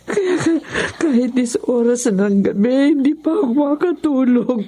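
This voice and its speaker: A woman's voice: high voice, animated, moderate pace, warm tone, husky. An actress playing a grieving, sickly widowed mother who talks wearily and through tears in a radio horror drama. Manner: weary, tearful.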